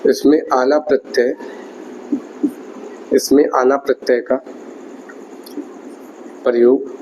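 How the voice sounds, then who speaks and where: A teacher with a mid-range, darkish voice gives a grammar lesson at a slow pace in a level tone, often repeating key words and questioning his students. The recording is dull and lo-fi, with faint noise.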